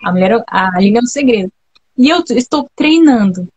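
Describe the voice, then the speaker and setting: A woman's voice: fairly high pitch, animated, normal speed, a little mellow, husky, highs cut off. A woman from Brazil hosting a live talk, speaking in a chatty, reflective way that keeps checking in with her listeners. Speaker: host of a live talk on temperaments. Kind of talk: casual live chat.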